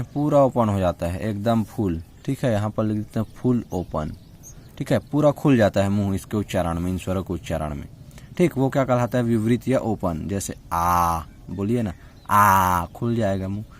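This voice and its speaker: A man teaching a grammar lesson. He asks the class questions, answers them himself, checks in with "okay" again and again, and draws out the example vowel sounds slowly. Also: mid-range voice, dark tone. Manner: repeats "ठीक है" as a constant check-in. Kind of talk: spoken Hindi grammar lesson.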